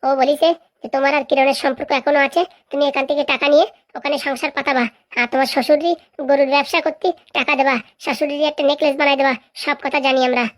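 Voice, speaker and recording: A sharp-tongued cartoon village woman, as a woman voices her, high and piercing, firing off accusations at speed. She scolds without a breath between lines. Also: flat delivery, close to an everyday voice. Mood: accusing. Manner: scolding, rapid-fire accusing. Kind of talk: cartoon voice acting.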